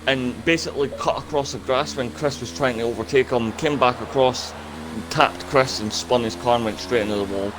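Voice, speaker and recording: A man giving casual, slightly halting live race remarks as a motorsport co-commentator. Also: medium pitch, background noise.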